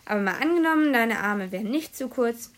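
A woman's voice: on the high side, lively intonation, fairly quick, close to an everyday voice. A woman reading aloud, voicing a weary male schoolteacher who sighs and speaks patiently. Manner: sighing, patient.

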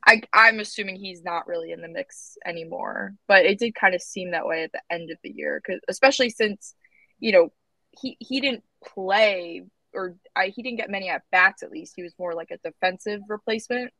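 A woman's voice: medium pitch, a little fast, vocal fry, sharp tone, no room sound. A woman guest on a podcast, chatting casually and hedging her points with fillers. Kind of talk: casual chat.

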